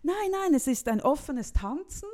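A man's voice: very high-pitched, sing-song, moderate pace, darkish tone, pitched above the performer's own voice. Brief: Swiss woman quoting an older man, seventies, polite, fretful, insistent. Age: 70s.

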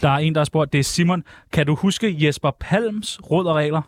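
A man's voice: a little high, no room sound. A male radio host in casual chat, teasing his guest and reading out listener questions. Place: radio studio.

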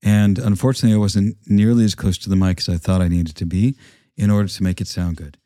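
A man's voice: deep voice, fairly even intonation, quick pace, dark tone, dry recording, clean studio sound. A man hosting an interview podcast, talking in a plain-spoken, conversational way.

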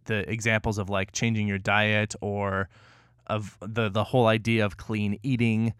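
Smooth low-voiced man explaining things. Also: level tone, normal speed, fairly bright tone, no room sound, clean studio sound. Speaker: podcast co-host. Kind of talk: casual explanatory podcast chat.

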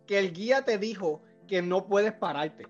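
A man's voice: sits high, unhurried, highs cut off, faint music behind. A man co-hosting a podcast, breaking into a friend's story in casual chat to add his own side. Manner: interjects and takes over the telling. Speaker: podcast co-host.

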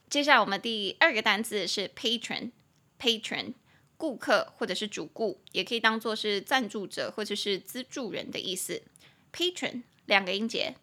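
Young woman, bright voice, chatty podcast teacher, slow careful English. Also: mid-range voice. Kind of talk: casual teaching chat.

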